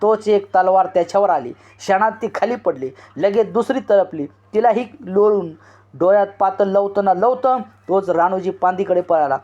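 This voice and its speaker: A male storyteller gives a dramatic literary reading in a high voice. He reads with expression and stretches out the cries in the story. The recording is dull and lo-fi. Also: moderate pace, dark tone. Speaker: storyteller explaining a novel.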